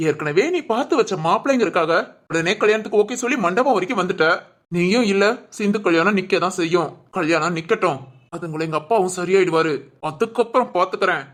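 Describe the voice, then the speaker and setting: A woman's voice: fairly low pitch, quick pace, lightly acted. A woman voicing an angry, threatening young man who scolds and sneers in a cartoon. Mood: bitter. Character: angry bullying young man, hot-tempered rival. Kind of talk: cartoon voice acting.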